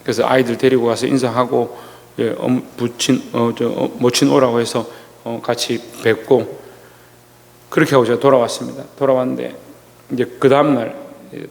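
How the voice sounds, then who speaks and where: A male pastor giving a Sunday sermon, telling a personal story slowly with many pauses and restarts. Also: mid-range voice, creaky, in a large hall. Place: church sanctuary.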